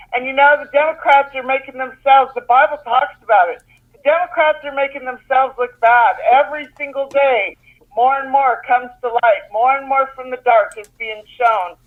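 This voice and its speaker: Fervent male caller on a phone line. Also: very high voice. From Washington State. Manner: emphatic, fervent. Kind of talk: call-in comment.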